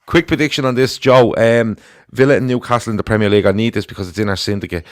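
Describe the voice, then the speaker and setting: A man's voice: lowish voice, fairly even intonation, fast talker, a crowd in the background. A man with a Dublin accent hosting a casual football panel chat, talking in a rambling, conversational way. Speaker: football show host.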